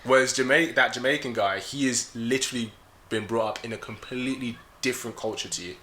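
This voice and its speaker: A young man taking part as a guest in a casual debate, reasoning aloud in a measured way and putting questions back to his host. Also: medium pitch, pushed and bright, slight background noise, poor audio. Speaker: guest youtuber.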